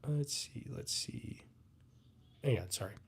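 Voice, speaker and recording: Sick and with his voice going, a young livestream host chats casually and fields viewer questions in a live Q&A. He speaks slowly at medium pitch, creaky with a breathy edge. His manner is relaxed and rambling, reacting to comments from chat.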